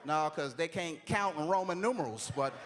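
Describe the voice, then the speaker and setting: A man's voice: on the high side, normal speed. A man in his forties doing stand-up comedy on a church stage, with loose, chatty, streetwise talk and a constant "you know what I'm saying.". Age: 40s. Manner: drawling, streetwise phrasing.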